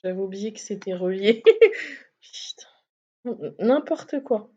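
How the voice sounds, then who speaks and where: A woman's voice: mid-range voice, expressive, slow, mellow. A woman streaming a game live, chatting casually, swearing and laughing at herself. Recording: slightly muffled stream mic.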